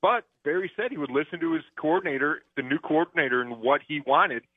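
A football analyst on sports radio talks casually, full of fillers and restarts. His voice is fairly high, fast and slightly rough. The audio is a dry phone line with no room sound.

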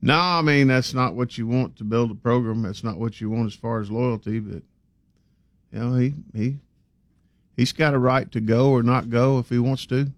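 A man's voice: mid-range voice, fairly even intonation, moderate pace, no room sound. A man giving folksy, opinionated commentary as a sports talk host. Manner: plain-spoken, folksy, opinionated.

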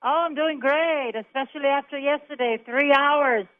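A woman's voice: high-pitched, moderate pace. Woman from israel calling in, tinny phone line, emphatic chatty storyteller. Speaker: caller. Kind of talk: phone interview on talk radio.

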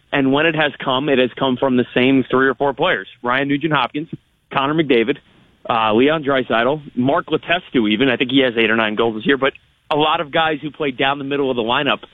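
A man's voice: medium pitch, no echo. A male analyst talks through sports arguments in a conversational way, stammering over repeated words as he builds a point. He is on a slightly dull phone line, with no room sound. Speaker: hockey analyst guest. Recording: band-limited phone line on radio.

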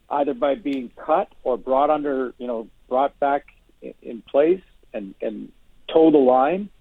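A man giving measured football analysis as a guest on a sports radio show, restarting his sentences often. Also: a little high, no echo. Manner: measured, many restarts and hedges. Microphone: phone. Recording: tinny phone line.

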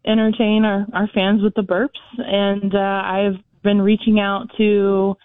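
A woman's voice: medium pitch, completely flat delivery, unhurried, no echo. A woman chatting casually as an interview guest, often repeating words as she starts her answers. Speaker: interview guest, record holder. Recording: muffled, phone-like line.

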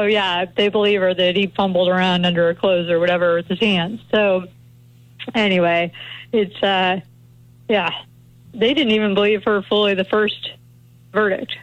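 A woman who works as a criminal defense attorney, speaking as a regular guest on a talk radio show in a chatty, animated way. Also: medium pitch, no echo, dull audio. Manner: chatty, animated, quick opinions.

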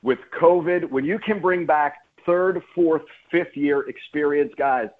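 Fairly high in pitch and a little slow, a man gives emphatic sports commentary as a radio guest and play-by-play announcer, repeating phrases for stress. The audio is a phone-like, narrow-band radio line.

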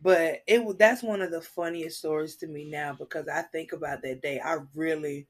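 An American woman co-hosting a podcast, chatting casually and telling personal stories in an expressive, exclamatory way with a husky voice. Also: sits low, normal speed. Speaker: podcast co-host. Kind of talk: casual chat and personal storytelling.

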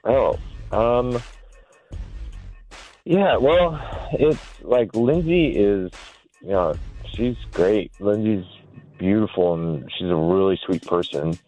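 A man speaking over the phone, hesitant and halting, full of fillers and restarts. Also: on the low side, lively intonation, faint music behind. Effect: heard over the phone. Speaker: phone call recipient. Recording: muffled phone-line audio.

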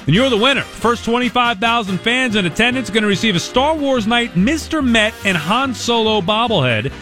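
A man hosting sports radio, reading a contest promo in a brisk, punchy announcer style. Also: very high-pitched, lively intonation, bright, forceful tone, faint music behind.

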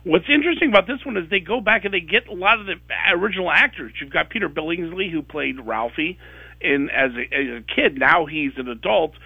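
A man's voice: fairly high pitch, expressive, brisk, creaky, husky, no room sound, narrow, tinny audio. A man reviewing movies on a radio show, talking in a rambling way with many restarts. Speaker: film critic guest.

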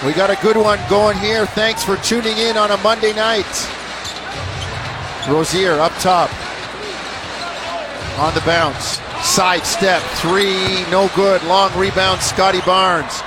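Guy calling a basketball game, high voice, short clipped phrases, noisy arena behind him. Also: steady tone, takes it slowly. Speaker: play-by-play commentator. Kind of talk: live basketball commentary. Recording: courtside arena noise behind voice. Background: basketball arena crowd and bouncing balls.

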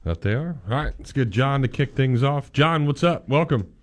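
A man's voice: medium pitch, lively intonation, normal speed. A man hosting sports radio, talking and reading ads in a radio presenter's style. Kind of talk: radio hosting and host-read ad reads.

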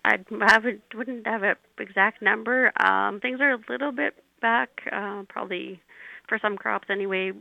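A woman giving hesitant, measured interview answers as a crop specialist. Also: medium pitch, gravelly, no echo. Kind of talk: unscripted radio interview answers. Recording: narrow, dry phone-like line.

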